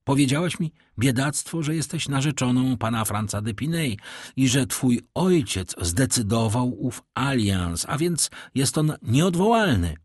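A man's voice: mid-range voice, lively intonation, measured pace, a little mellow, no echo, studio quality. A man voicing a devoted young man in love, reading his lines from a novel in a fervent, pleading way. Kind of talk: audiobook reading.

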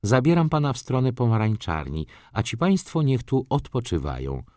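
A man's voice: mid-range voice, sing-song, moderate pace, mellow, no room sound, clean studio sound, pitched above the performer's own voice, lightly acted. A man voicing a poised, coquettish young aristocratic lady. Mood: coy.

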